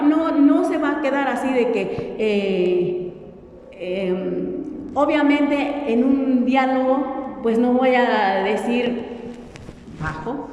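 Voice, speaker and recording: Slow, high-voiced woman teaching in an echoey hall. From Oaxaca coast, Mexico. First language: Mixtec. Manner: patient, repeats words slowly with exaggerated tones. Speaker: language teacher. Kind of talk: classroom teaching. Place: university auditorium. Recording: echoey auditorium, long reverb, faint noise.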